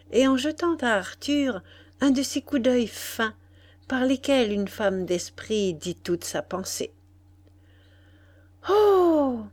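Slow, measured woman audiobook narrator. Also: lowish voice. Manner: measured, expressive reading.

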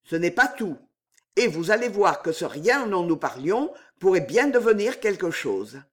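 A man's voice: sits high, very animated, unhurried, heavily acted. A man reading aloud, voicing a scheming nobleman who speaks in firm, emphatic declarations. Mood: commanding. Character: commanding scheming nobleman, cool and insistent.

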